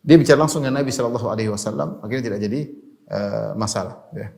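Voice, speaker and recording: A man preaching an Islamic religious lecture, explaining patiently, repeating key points and tagging his phrases with a quick "ya". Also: fairly low pitch, vocal fry, a little mellow.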